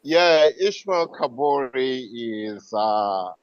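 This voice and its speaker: A man's voice: medium pitch, lively intonation, drawn-out words, dry recording, lo-fi sound. A man in his forties from West Africa, a financial consultant being interviewed, speaking with many fillers and easy laughter over a video call. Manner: hesitant, filler-heavy, laughs easily. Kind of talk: remote interview.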